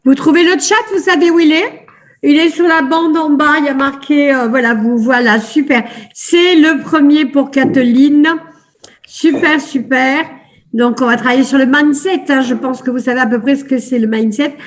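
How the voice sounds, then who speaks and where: A woman's voice: sits high, steady tone, normal speed. A woman life coach leading a live online coaching webinar over a video call, upbeat and chatty, often repeating words of praise between fillers.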